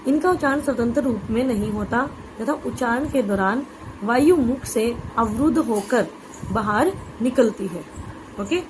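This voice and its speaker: A woman teaching an exam-prep grammar lesson, explaining patiently, saying "okay" often and spelling out letters slowly. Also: a little high, background noise.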